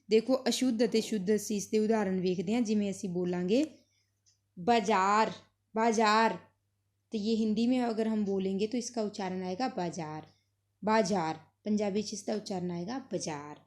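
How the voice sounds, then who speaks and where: A woman's voice: mid-range voice, a little mellow. A woman teaching a grammar lesson, saying each example word twice for practice and switching between Hindi and as she explains. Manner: mixes Hindi and Punjabi while explaining.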